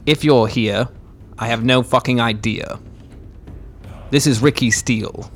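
A man playing a blunt but polite adventurer in a tabletop game, calling out haltingly to parley. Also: mid-range voice, a little hiss or hum, close to an everyday voice. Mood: pleading bravado. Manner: shouted out, halting.

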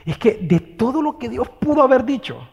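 A man preaching a sermon, firing off rhetorical questions and swinging between loud exhortation and hushed, tender passages. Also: very high voice, very animated, moderate pace, creaky, breathy edge, muffled recording. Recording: long hall reverb.

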